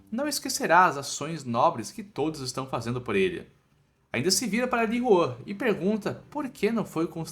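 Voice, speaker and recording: With a brightish, rather high and forceful voice, a Brazilian-accented man recaps a scripted comic story in a playful, colloquial storytelling style. Music plays in the background.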